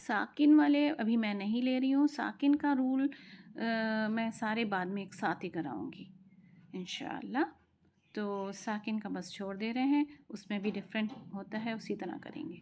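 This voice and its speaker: A woman's voice: a little high, darkish tone, a little hiss or hum. A woman teaching a spoken lesson on Quran recitation, patiently explaining step by step and stretching out the sounds she demonstrates.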